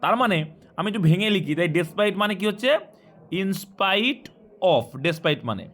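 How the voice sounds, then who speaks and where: A man. He explains each rule patiently, then checks understanding with quick questions to the class. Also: sits high, lively intonation, fairly bright tone. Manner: explains step by step and quizzes students. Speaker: teacher. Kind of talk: grammar lesson.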